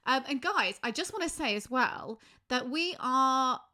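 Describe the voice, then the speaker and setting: A woman's voice: high-pitched, lively intonation, unhurried, bright, forceful tone. A woman co-hosting a true crime podcast, chatting loosely with tangents and laughter, then reading a scripted case introduction. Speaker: podcast co-host. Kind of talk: casual chat and scripted narration.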